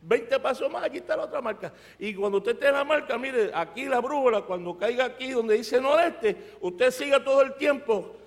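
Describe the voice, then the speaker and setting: A man voicing a brisk, helpful male army sergeant who gives directions loudly and emphatically. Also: very high-pitched, expressive, voice pushed up. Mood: commanding, helpful. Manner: loud, emphatic, commanding. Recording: reverberant church sanctuary.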